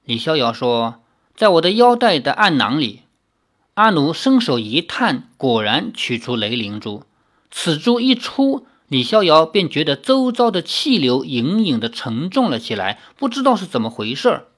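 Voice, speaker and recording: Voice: medium pitch, very animated, moderate pace, fairly bright tone. An audiobook narrator reading a novel dramatically, with casual asides.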